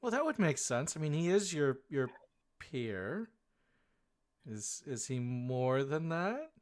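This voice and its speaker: A woman voicing a curious, fretful townswoman in a tabletop game, stammering and gently prying. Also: low voice, sing-song, slow pace, pitched below the performer's own voice, heavily acted.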